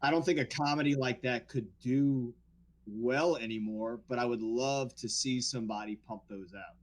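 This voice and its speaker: Medium-pitched and at a normal speed, this man is an actor hailing from the New Orleans area. He's guesting on a casual podcast, animatedly telling stories and restarting often.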